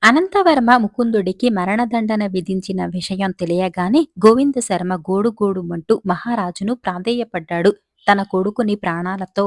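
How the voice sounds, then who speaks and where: A woman tells a folk tale in a steady, expressive reading at a middle pitch. The sound is dry and close, with no room around it. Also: no echo. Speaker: storyteller. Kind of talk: scripted narration of a folk tale.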